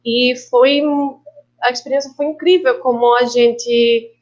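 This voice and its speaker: Colombian woman, Spanish native, guest panelist, halting reflective delivery, slightly high voice, dull video call audio. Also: steady tone. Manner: reflective, halting, slips Spanish words into Portuguese. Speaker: guest filmmaker and actress. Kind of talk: online panel talk.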